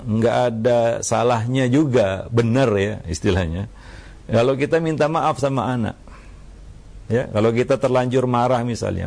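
A man, an Islamic preacher giving calm religious advice on parenting, unhurried and dotting his talk with "ya". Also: mid-range voice, creaky. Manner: calm, unhurried, frequent "ya" tags. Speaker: Islamic preacher answering questions.

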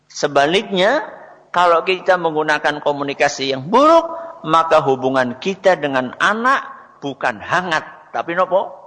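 A man's voice: on the high side, big pitch swings, normal speed, sharp tone, in a large hall. A man giving a religious talk on parenting to an audience, asking questions and answering them himself. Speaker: religious speaker.

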